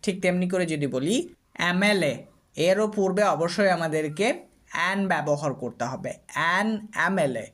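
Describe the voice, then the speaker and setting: A man's voice: fairly high pitch, moderate pace, fairly bright tone. A man with a Bengali accent teaching English grammar, patiently repeating and drilling example words for his students. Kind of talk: explaining lesson to students.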